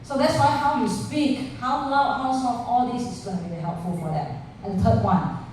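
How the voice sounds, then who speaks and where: A woman running a pitching workshop, talking live to founders and asking the audience questions, dropping local particles like lah. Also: moderate pace, a little mellow. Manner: interactive, asks the audience questions. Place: large indoor room with an audience. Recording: echoey room picked up from far off, faint noise.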